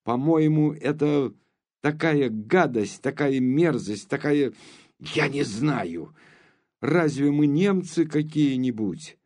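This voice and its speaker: A man's voice: a little high, lively intonation, takes it slowly, darkish tone, pitched above the performer's own voice. A man reading an audiobook voices a passionate, indignant young noblewoman who pleads and cries out. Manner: pleading, crying out.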